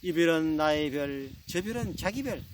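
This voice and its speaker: A man's voice: a little high, animated, normal speed, a little hiss or hum, lightly acted. A man voicing a cutesy, affectionate young bride from Seoul, talking in a coy, sweet way.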